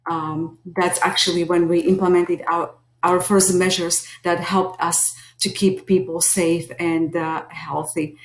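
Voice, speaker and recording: With a Slovak accent, a middle-aged woman from Slovakia who works as a teacher lead and behavior analyst gives her class an earnest, somewhat hesitant self-introduction. She speaks at a measured pace in a fairly low voice that barely moves in pitch, and the room echoes.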